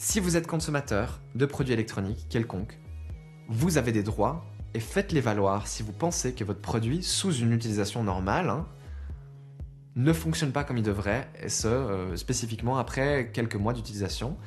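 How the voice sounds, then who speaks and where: A man's voice: mid-range voice, expressive, normal speed, faint music behind. A man giving an opinionated consumer rant to viewers, exasperated and emphatic, conversational and full of rhetorical questions. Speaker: video presenter.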